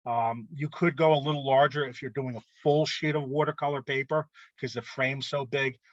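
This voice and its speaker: A man presenting rules to an art club in a casual instructional talk, often pausing to ask "okay?". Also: mid-range voice, fairly even intonation, no room sound, dull audio. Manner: conversational, frequent "okay?" check-ins.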